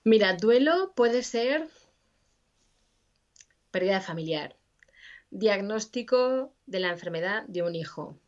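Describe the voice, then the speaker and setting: Woman, interview guest, expressive explainer, slightly muffled recording. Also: medium pitch, takes it slowly, pauses often. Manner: animated, acts out quoted inner voices. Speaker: interview guest, grief specialist. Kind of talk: conversational explanation.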